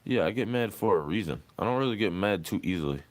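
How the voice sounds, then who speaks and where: A man's voice: low voice, animated, quick pace. A young man, rambling and cursing as he answers questions in a street interview. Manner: rambling, profane, aggrieved.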